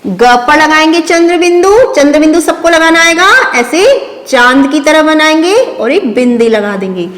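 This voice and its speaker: A high-voiced woman teacher talks young children through letter sounds slowly and patiently, repeating each one. Her voice rings in a roomy space with a long reverb tail. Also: animated, a bit bright. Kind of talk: children's phonics lesson.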